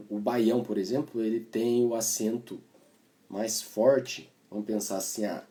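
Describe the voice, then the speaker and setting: This Brazilian man's voice is mellow and lowish, carrying a Brazilian Portuguese accent. In a relaxed music lesson he talks through the cavaquinho while playing it, sprinkling in plenty of filler tags, and the instrument can be heard behind him.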